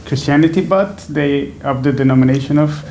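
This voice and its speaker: A young man from Venezuela speaks in a slightly gravelly, mid-pitched voice, pausing often and restarting his sentences as he answers interview questions. He sits in a small indoor room close to a stand microphone, with a faint hiss behind him. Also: a little mellow. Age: 20s. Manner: thoughtful, hesitant, many fillers and restarts. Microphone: stand microphone in front.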